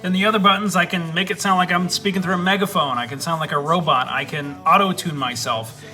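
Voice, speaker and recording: A man's voice: medium pitch, pushed and bright. Upbeat young man touring his desk. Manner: enthusiastic, swears casually, rambling. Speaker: streamer showing his setup. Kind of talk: casual gear tour. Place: home streaming desk. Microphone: studio USB/XLR dynamic mic.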